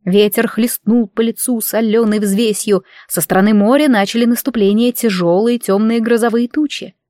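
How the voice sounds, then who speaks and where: A woman's voice: on the high side, fairly even intonation, moderate pace, mellow, no echo, studio quality. Wry woman narrating a fantasy audiobook.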